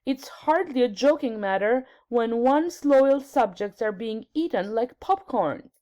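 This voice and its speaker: Storybook monarch, male, flustered and irritable, played by a woman, pitched high with indignant agitation. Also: lively intonation, a little slow, mellow. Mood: testy. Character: testy, panicked adult male king of Sweden.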